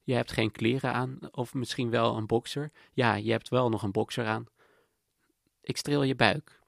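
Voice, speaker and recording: A man voicing his girlfriend's words in a hesitant, soft-spoken way, barely changing his own voice. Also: mid-range voice, steady tone, moderate pace, creaky, no echo, studio quality, lightly acted. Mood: awkward tender. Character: his girlfriend, a young woman, gently talking him through intimacy.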